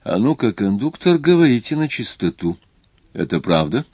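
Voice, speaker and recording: A man's voice: mid-range voice, sing-song, moderate pace, darkish tone, breathy edge, no room sound, voice pushed up. A man reading an audiobook, voicing a doubting, teasing doctor among the passengers. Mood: skeptical. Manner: teasing, probing. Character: skeptical, mocking doctor, middle-aged man.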